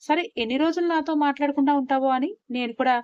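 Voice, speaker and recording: A reserved young husband, calm and soft-spoken, shy about showing his love, as a woman narrator reads him in her own fairly high voice. The sound is dry and a little muffled. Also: fast, no room sound, natural voice. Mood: tender. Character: quiet young husband, reserved but loving.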